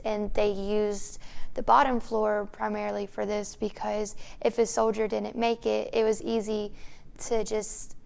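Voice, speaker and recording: A woman's voice: medium pitch, creaky, a little mellow. A woman co-hosting a vlog, telling a story casually and matter-of-factly in a room of an old house. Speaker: vlog co-host. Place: room inside an old mansion.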